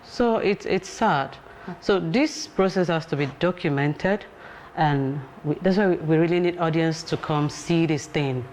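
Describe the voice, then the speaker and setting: A woman's voice: low voice, unhurried, hardly any pauses, darkish tone, a little hiss or hum. A woman, an exhibition organizer, talking earnestly as an interview guest and repeating points for emphasis. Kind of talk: casual interview talk.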